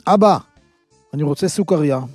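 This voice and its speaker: A man's voice: fairly high pitch, darkish tone, husky, no echo, faint music behind. A man voicing a small boy who begs his father for candy, pleading and repeating himself.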